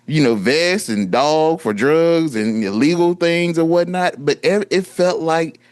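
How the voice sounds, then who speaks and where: A man in his thirties co-hosting a podcast, telling a story in a lively, casual way and acting out what people said. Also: a little high, a little slow, smooth, no room sound. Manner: animated storytelling, acts out quotes. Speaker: podcast co-host. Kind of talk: casual chat.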